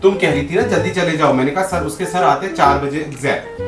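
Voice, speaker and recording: In a staged prank, a husband argues with his wife at home, repeatedly demanding to know what went wrong. His voice is on the high side and he talks fast, in an echoey room with music playing underneath.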